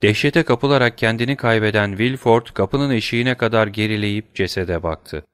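A man reading a dramatic novel aloud in a measured, steady storytelling manner. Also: fairly low pitch, clean tone, dry recording, clean studio sound. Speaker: audiobook narrator.

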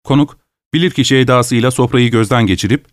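A man narrating a short story in a measured, even storytelling manner. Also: medium pitch, no echo, clean studio sound.

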